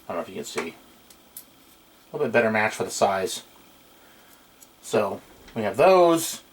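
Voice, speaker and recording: With a lowish, very animated voice at normal speed, this middle-aged man restores electronics as a hobby and walks through an unscripted, casual demo at his bench. The audio is a noisy amateur camcorder recording from a nearby camera microphone in a small room.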